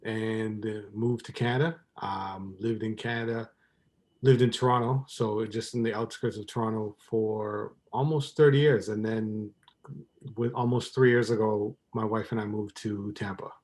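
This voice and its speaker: A man's voice: fairly low pitch, fairly even intonation, moderate pace, a little mellow. A man in his thirties from Trinidad, chatting casually as a podcast guest, rambling along with many ums and likes. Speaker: podcast guest, cooking YouTuber. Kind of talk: casual chat.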